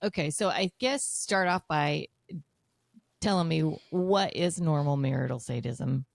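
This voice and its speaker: A woman's voice: deep voice, measured pace, gravelly, no echo, clean studio sound. A woman co-hosting a marriage podcast, chiming in with short questions and agreement. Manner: brief affirming interjections and short questions. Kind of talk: casual podcast chat.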